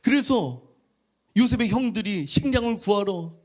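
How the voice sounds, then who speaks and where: A male pastor preaching a sermon, telling a Bible story with animated storytelling and rhetorical questions to the congregation. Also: high-pitched, normal speed.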